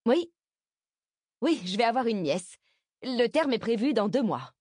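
A woman's voice: on the high side, sing-song, a little slow, darkish tone, dry recording, voice pushed up. A woman reading the part of a pregnant young woman who speaks bluntly and questions everything. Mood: curt.

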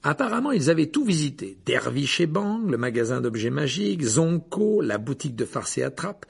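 A man narrating a story aloud in an expressive, animated way. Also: on the high side, moderate pace, creaky, husky. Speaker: audiobook narrator. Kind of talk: storybook reading.

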